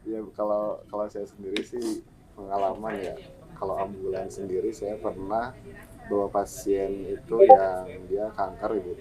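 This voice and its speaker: A man's voice: lowish voice, little pitch movement, normal speed, poor audio. A man, a humanitarian volunteer, recounting experiences casually and plainly in a podcast interview. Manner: casual, plainspoken, fillers like "gitu".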